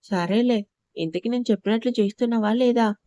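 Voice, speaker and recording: A woman's voice: a little high, a little fast, warm tone, no room sound, close to an everyday voice. A woman doing a scheming old granny. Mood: teasing. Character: older grandmother, fond and scheming.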